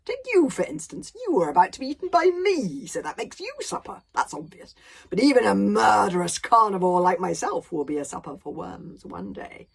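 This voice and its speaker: A woman voicing the Green Death, a grandly booming dragon. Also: very animated, gravelly, slightly rough, full character voice. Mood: musing. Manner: slow, grandly theatrical, cheerfully menacing. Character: huge sly philosophical male dragon.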